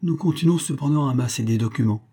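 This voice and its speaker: A man's voice: mid-range voice, quick pace, dark tone, husky, pitched above the performer's own voice, close to an everyday voice. A man doing a worried hypnotist brother.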